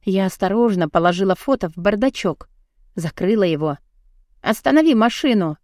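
A woman narrating a first-person audiobook in an expressive storytelling read. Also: on the low side, a little fast, no room sound, studio quality.

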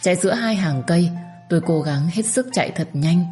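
A woman telling a first-person story in an emotional, measured way. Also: lowish voice, expressive, dark tone, soft background music. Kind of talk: first-person dramatic narration.

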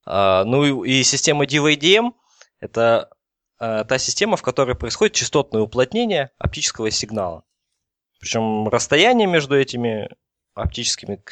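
In a laid-back podcast chat, a man who specializes in telecom walks through technical material, pausing and thinking aloud along the way. His voice sits in the middle range with a slightly bright quality, and the recording has no room sound.

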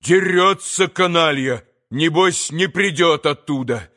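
A man reading aloud plays a hot-headed young man who speaks loudly and impulsively. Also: on the high side, slow pace. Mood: breathless. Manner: loud and impulsive, out of breath.

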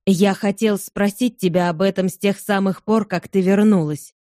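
Shy young farmer in love, hesitant and slow, soft dark tone, read by a woman. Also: medium pitch, steady tone, no room sound, clean studio sound, natural voice. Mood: timid.

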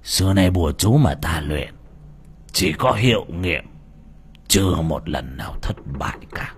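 A man voicing a creepy old male sorcerer who speaks in a low, whispery, wheezing voice with a slow, sinister manner. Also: animated, slight background noise.

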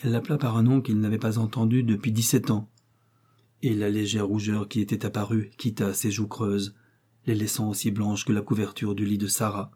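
Male audiobook narrator, husky and mellow, measured dramatic delivery. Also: lowish voice, flat delivery. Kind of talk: scripted narration.

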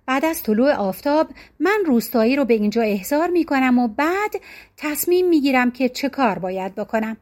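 A woman voicing a wise male ruler who gives judgment in a calm, measured way, in a storybook reading. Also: high voice. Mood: measured, firm. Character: stern wise male Indian ruler judging.

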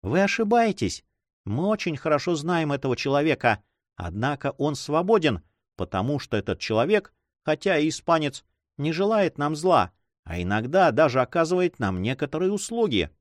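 A man's voice: a little high, very animated, moderate pace, dry recording, studio quality, voice pushed up. A man voicing an urgent pleading noblewoman. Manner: insistent, pleading. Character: anxious pleading noblewoman, innkeeper mother.

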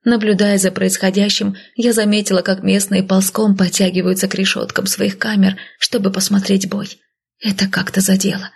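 A woman reads a first-person fantasy audiobook in a soft, intimate, hushed way. Her voice is husky and gravelly, set at a middle pitch. The narration stays close and quiet. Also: level tone, moderate pace.

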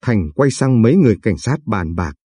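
Man, storyteller, scripted narration, earnest, husky, dry close sound. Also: on the low side, animated, brisk, mellow, no echo. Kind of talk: scripted first-person narration.

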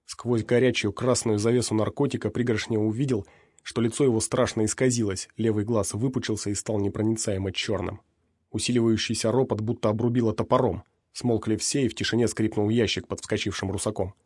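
A man reading audiobook narration in a steady, measured way. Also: lowish voice, breathy edge, no echo, studio quality. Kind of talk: scripted narration.

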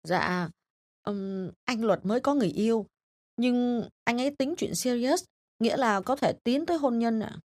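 A woman's voice: fairly high pitch, moderate pace, dry recording, studio quality, close to an everyday voice. A woman voicing a polite young daughter. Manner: gentle, hesitant, polite.

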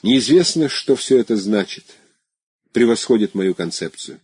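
Audiobook role: man voicing a muttering, withdrawn loner, low husky tone, dry close mic. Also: animated, normal speed, a little mellow, no room sound. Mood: muted. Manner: muttered, terse replies. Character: withdrawn, gloomy adult man, terse. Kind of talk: audiobook character voice.

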